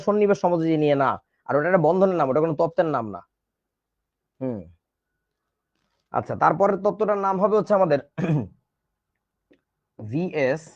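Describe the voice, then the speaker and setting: Male Bangladeshi teacher, jokey and scolding, somewhat high-pitched, muffled audio. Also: a little mellow. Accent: Bangladeshi Bengali. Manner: chatty, teasing, scolds students playfully. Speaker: chemistry teacher. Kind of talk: casual online class lecture.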